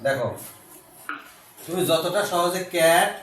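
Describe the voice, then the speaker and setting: A male teacher giving a basic grammar lesson to a child, speaking slowly and patiently and spelling words out letter by letter. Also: high voice, fairly bright tone, a little hiss or hum. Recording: echoey room, voice from far off.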